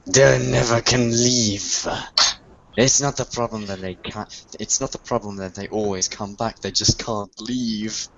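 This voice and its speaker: A man's voice: fairly low pitch, steady tone, measured pace. A man hosting a casual group video hangout, teasing and laughing often. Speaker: hangout host. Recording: dull lo-fi call audio with faint noise.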